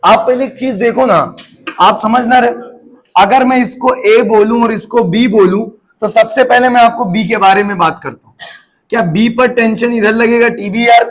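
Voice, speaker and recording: High-voiced joking physics teacher. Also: male voice, normal speed. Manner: teasing, banters with students. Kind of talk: joking classroom lecture. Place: classroom.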